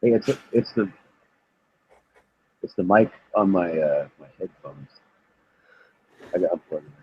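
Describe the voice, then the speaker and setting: A man's voice: low-pitched, measured pace. A man chatting casually and cursing loosely as a podcast guest, his voice tinny as if through a tin can over a cell phone. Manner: loose and profane, joking. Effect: tinny cell phone audio, like a tin can. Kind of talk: casual chat. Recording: muffled cell phone line with faint noise.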